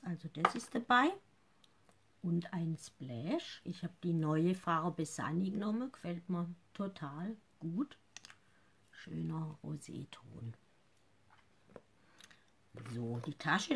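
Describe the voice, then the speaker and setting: A makeup seller in her fifties livestreams a laid-back tutorial from her living room, talking freely but somewhat nervously and often drifting into mumbles. Her voice is on the low side, captured by a webcam at desk distance with slight background noise.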